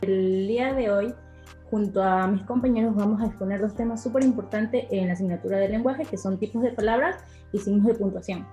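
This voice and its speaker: A woman's voice: medium pitch, a little fast, warm tone. A young woman giving a class presentation, hesitant, with many fillers. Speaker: student presenter. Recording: echoey room with faint music.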